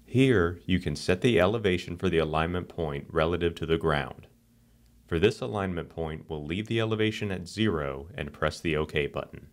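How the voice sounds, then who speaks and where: Speaking at a normal speed, a man with a very deep voice narrates a software screencast from a script. He goes step by step, calm and steady, never rushing the instructions.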